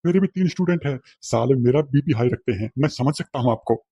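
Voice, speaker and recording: A man voicing a bumbling, boastful teacher in a cartoon, talking fast and pleading. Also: mid-range voice, animated, mellow, breathy edge, dry recording, highs cut off. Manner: rapid, pleading, comic. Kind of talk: cartoon voice acting.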